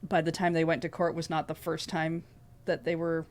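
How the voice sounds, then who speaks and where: A woman's voice: sits low, little pitch movement, normal speed, a little mellow. A woman co-hosting a casual discussion, speaking in a thoughtful, tentative way. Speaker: co-host.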